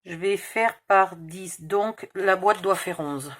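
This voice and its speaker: A woman's voice: on the low side, takes it slowly, fairly bright tone. A woman with a slight Provençal accent, hosting a casual crafting tutorial, thinking aloud over measurements and correcting herself. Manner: muttering measurements, self-correcting.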